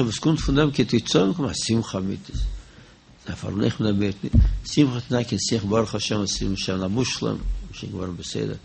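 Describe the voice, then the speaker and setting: A low-voiced man talks quickly through a religious teaching, his voice rough with gravel. He circles back over the same phrases and throws out questions, then answers them himself. A faint hiss sits under the recording. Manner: repetitive, poses and answers his own questions. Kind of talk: spoken religious discourse.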